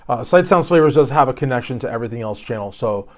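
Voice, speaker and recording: A man's voice: mid-range voice, lively intonation, fast. A man from Kentucky hosting a YouTube channel, giving casual commentary with rambling, joking asides. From Louisville, Kentucky.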